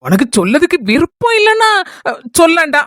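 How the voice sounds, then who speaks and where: An actress portrays a warm-hearted neighbour woman with a Kanyakumari Tamil accent. She talks quickly in a high, gentle voice. The sound is dry and close. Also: very animated, no echo. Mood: friendly. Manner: gentle, soothing, affectionate. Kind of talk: comedy skit acting.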